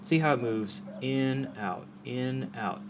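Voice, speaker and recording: Speaking slowly in a mid-range voice, an audio professional walks through a hands-on explanation in a relaxed, informal way, demonstrating as he goes and frequently making sure the listener understands. Music plays in the background, along with some background noise.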